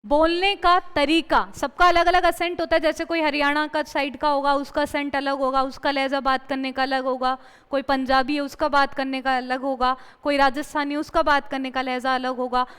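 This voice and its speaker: A woman teaching an exam-prep English lesson, explaining in Hindi, reading English example sentences slowly and asking the class questions she then answers herself. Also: sits high, little pitch movement, fairly bright tone, long reverb tail.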